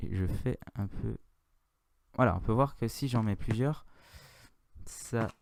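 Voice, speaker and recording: A man's voice: fairly low pitch, takes it slowly, creaky, a little mellow, dry recording. A man with a French accent giving a casual, rambling game tutorial, correcting himself and chatting in asides. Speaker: Minecraft tutorial youtuber. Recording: audible mouse and keyboard clicks.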